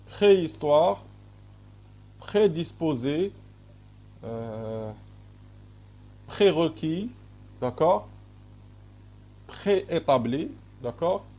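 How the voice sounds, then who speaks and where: In a dark, mid-range voice with vocal fry, a man with an Algerian French accent gives a recorded lecture to university students. Slow and hesitant throughout, he repeatedly checks in with them by saying "d'accord?"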